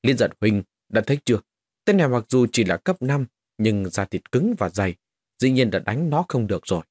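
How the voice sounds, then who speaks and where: A man's voice: mid-range voice, sing-song, brisk, darkish tone, no room sound, clean studio sound. Man voicing a bold, commanding warrior. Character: proud male martial warrior, bold and blunt.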